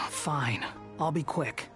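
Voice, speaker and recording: A dry, reluctant scout from a video game. The delivery is deadpan and sarcastic, with some music behind it. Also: female voice, low voice, very slow. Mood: resigned. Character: dry, reluctant scout who works alone.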